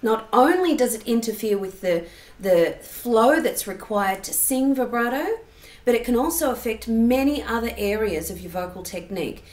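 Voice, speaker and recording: A woman's voice: on the high side, lively intonation, moderate pace, a little mellow. A woman giving a singing lesson, explaining technique and demonstrating sounds. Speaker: singing teacher. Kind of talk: vocal lesson. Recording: roomy echo.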